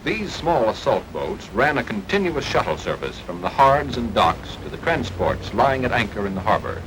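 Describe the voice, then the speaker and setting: On a noisy archival 1940s film soundtrack, an American newsreel-style documentary narrator reads a wartime propaganda script in a formal, declamatory, emphatic manner. His voice sits fairly low, swings widely in pitch and moves at normal speed.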